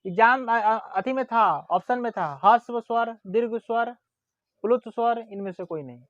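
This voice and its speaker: A teacher giving a grammar lesson, dictating definitions slowly, repeating words and checking that students follow. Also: medium pitch, no echo, muffled recording. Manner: slow and deliberate, repeats words and checks understanding; drawls vowels aloud as examples.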